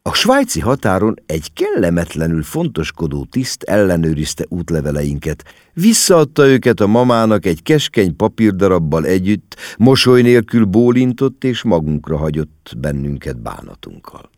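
A deep male voice telling a story with a lot of melodic movement. He reads the prose expressively, close and dry with no room sound. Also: wildly swooping pitch, a little mellow, no room sound. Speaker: audiobook narrator. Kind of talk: scripted literary narration.

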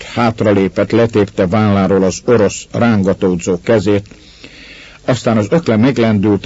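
A man reading a story aloud in measured, steady narration. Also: on the low side, slightly rough, highs cut off. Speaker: audiobook narrator.

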